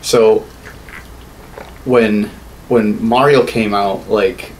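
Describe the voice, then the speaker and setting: In a fairly low, steady voice with drawn-out words, a podcast co-host in his thirties rambles and swears often while giving casual, opinionated takes on films and games. The audio is poor, recorded in a small indoor home studio with clear background room noise.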